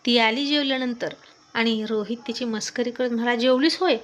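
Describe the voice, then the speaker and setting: A woman's voice: fairly high pitch, fairly quick. Woman narrating a story. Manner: even, descriptive storytelling. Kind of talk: scripted narration.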